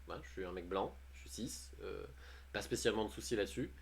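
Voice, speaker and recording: A man's voice: fairly low pitch, animated, fast, creaky, breathy edge. A man chatting casually on a livestream, reading posts aloud and commenting on them with jokes and frequent laughs. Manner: chatty, jokey, often laughing. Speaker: streamer.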